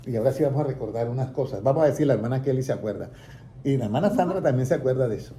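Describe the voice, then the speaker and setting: A man's voice: medium pitch, expressive, rapid-fire, warm tone, slight background noise. A man leading a Bible lesson for a small indoor group, asking questions and leaving his sentences open for listeners to complete. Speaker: Bible teacher.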